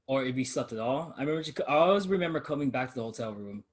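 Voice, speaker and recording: A man's voice: medium pitch, expressive, rapid-fire. Laid-back young man reminiscing. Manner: laid-back, loose, swears casually. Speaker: channel host. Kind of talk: casual chat between old friends.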